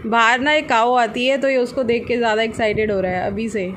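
High-pitched woman doing a casual home vlog, playful sing-song with her dog, dog barks faintly behind. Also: fairly even intonation, a little fast, background noise. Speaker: vlogger. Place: at home indoors.

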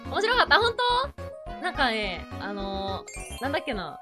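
A woman's voice: on the high side, normal speed, music in the background. A woman streamer in casual chat, telling a story animatedly and laughing often. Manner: animated, laughs a lot while recounting.

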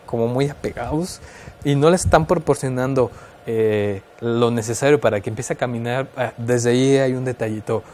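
Speaking at normal speed in a mid-range, slightly mellow voice, a man with a Mexican Spanish accent appears as an expert guest on a radio program to explain child development. He is thoughtful, with fillers and restarts, and there is slight background noise.

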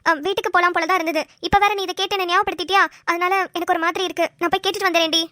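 A woman's voice: very high-pitched, very fast, dry recording. A woman voicing a chatty young wife who teases and tells stories, close and dry. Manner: chatty, teasing, animated storytelling.

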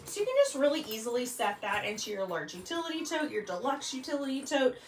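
In a small, echoey indoor room with the mic placed at a distance and a little hiss or hum, a woman in her thirties demonstrates bags for a product vlog. She's a bag consultant who talks fast, very animated and upbeat, her pitch on the high side and her speech full of ums.

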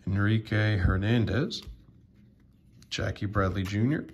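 A man casually sorting through sports cards on video, slowly reading out player names with many fillers. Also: fairly low pitch, dull audio, a little hiss or hum. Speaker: sports card vlogger. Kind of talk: casual card sorting commentary.

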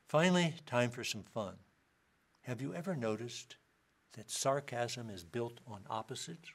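A man's voice: mid-range voice, measured pace, breathy edge. A man giving a university lecture, explaining ideas with dry wit and reading out short quotations.

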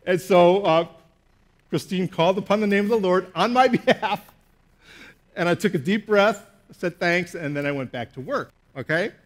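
A pastor man with a high voice preaches a sermon. He tells an animated, self-mocking story and keeps checking in with "okay?". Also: moderate pace.

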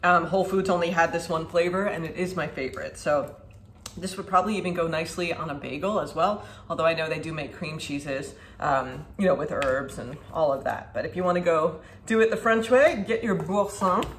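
A woman's voice: deep voice, a little fast, a little hiss or hum. A woman in her thirties reviewing food in a home kitchen, talking in a chatty, upbeat way while she demonstrates, recorded by a camera a few feet away. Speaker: food vlogger. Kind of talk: casual product review. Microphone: camera at a distance, standing at a counter. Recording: echoey kitchen with faint ambience.

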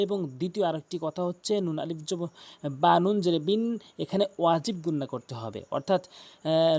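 A man with a Bangladeshi Bengali accent teaching recitation in a fairly high voice. He speaks with firm emphasis, then slows down to repeat single sounds again and again for the listener to copy. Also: a little mellow. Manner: emphatic, repeats sounds slowly for practice, stretches recited words. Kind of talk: spoken lesson with demonstrated recitation.

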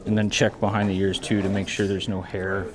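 An American barber whose voice sits low, with little pitch movement, speaks a little fast while a crowd is heard in the background. He casually explains a haircut in a brick-walled indoor shop, easygoing and thinking aloud. Electric clippers buzz and hum clearly throughout.

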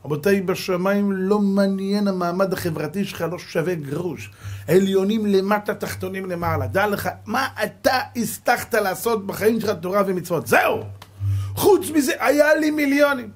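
A middle-aged rabbi with a high-pitched voice gives an animated Torah lesson, telling stories dramatically and swinging between loud exclamations and quiet asides.

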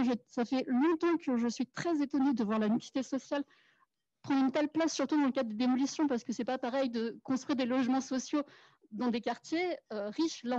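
This is a high, warm female voice with no echo, belonging to an urban planner and activist from the Paris suburbs in France. She is in the audience at a debate in a cramped, busy café room, making an earnest and articulate case. The event recording is lo-fi and dull.

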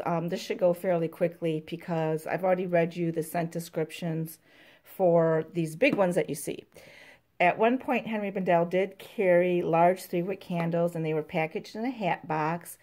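A woman with a somewhat low, mellow voice chats through a casual show-and-tell vlog. She rambles, piles on fillers, and now and then reads product blurbs aloud in a smoother tone. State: out of breath. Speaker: candle collector vlogger.

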